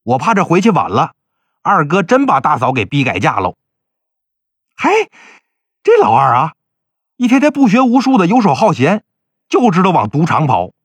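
A man's voice: fairly high pitch, huge pitch swings, normal speed, pauses often, slightly rough, no echo, heavily acted. A man voicing an earnest, hot-tempered younger brother in a storybook tale. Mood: indignant. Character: loyal younger brother, indignant and warm.

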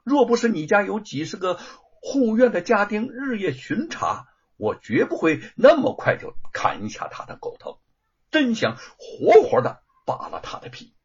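A man voicing a proud, defiant young woman avenger who speaks in sharp, indignant declarations. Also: sits high, sing-song, a little slow, slightly rough, highs cut off, voice pushed up, full character voice.

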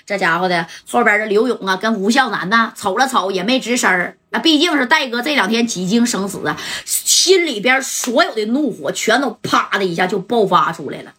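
A woman's voice: mid-range voice, animated, a little fast, hardly any pauses, pushed and bright, husky. A woman telling a crime story, with chatty asides to the listener.

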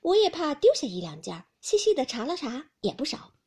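A woman voicing a young maidservant who is sharp-tongued and teasing, speaking loud and playful. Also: high voice, wildly swooping pitch, fairly quick, voice pushed up, exaggerated voice. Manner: playful scolding, loud and bright.

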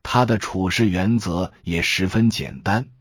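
A man narrating an audiobook detective story in a steady, unhurried storytelling manner. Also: low voice, breathy edge, dry recording, studio quality.

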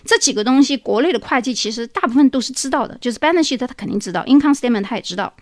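A woman's voice: fairly high pitch, animated, very fast, darkish tone, no room sound, clean studio sound. A woman hosting a talk show, explaining things at length through many examples and often dropping in a filler "ah". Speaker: podcast host.

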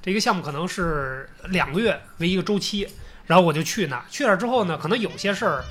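Bright, fast-talking man with Beijing accent. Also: high-pitched, lively intonation. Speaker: podcast co-host. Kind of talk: casual chat.

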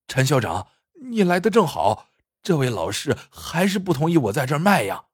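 A man's voice: fairly high pitch, big pitch swings, moderate pace, slightly rough, dry recording, clean studio sound. A man voicing a humble, flustered middle-aged male popcorn vendor who stammers and hesitates. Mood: anxious.

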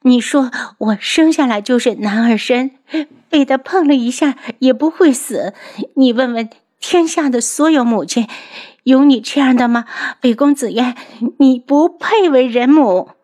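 Woman doing a young prince voice, high and shrill, loud and accusing, full of scorn. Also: measured pace. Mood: bitter, furious.

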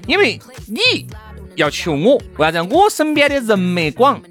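A man's voice: sits high, wildly swooping pitch, moderate pace, a bit bright, soft background music. A man with a Sichuanese accent, lecturing animatedly in casual chat.

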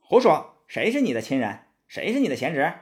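A man voicing an arrogant, fiery child demon king in a storybook reading, shouting and defiant. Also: a little high, huge pitch swings, quick pace. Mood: furious.

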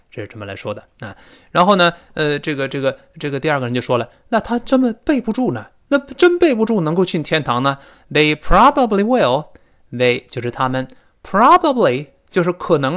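A man teaching English pronunciation, explaining in Chinese and repeating words slowly for drill. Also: mid-range voice, fairly bright tone. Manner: emphatic, explanatory.

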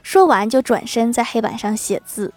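A woman's voice: on the high side, lively intonation, normal speed, darkish tone, faint music behind. A woman hosting a podcast, reading out jokes and listener comments and adding playful, teasing remarks after each one. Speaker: podcast host.

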